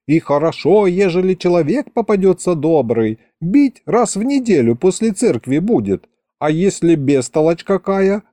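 A man's voice: sits high, dark tone, no room sound, clean studio sound, pitched above the performer's own voice. A man voicing a teasing, rambling old village grandfather who talks in rustic, old-fashioned speech.

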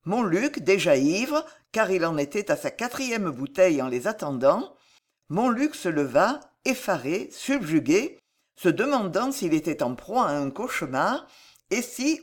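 Woman, audiobook narration, slow, lively intonation, measured. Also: lowish voice. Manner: measured, expressive storytelling. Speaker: audiobook reader. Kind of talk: scripted narration of a historical novel.

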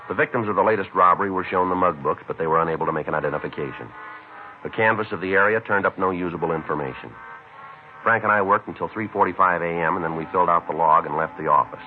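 An actor playing a male police detective who narrates in a clipped, flat, matter-of-fact way. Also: low voice, natural voice. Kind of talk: 1950s radio police drama narration. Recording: tinny old radio broadcast with faint music.

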